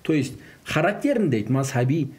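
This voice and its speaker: With a sing-song, medium-pitched voice and a darkish tone, a native Karachay-Balkar man talks fairly quickly in a relaxed religious discussion on bringing up children. Russian words and phrases crop up in his speech.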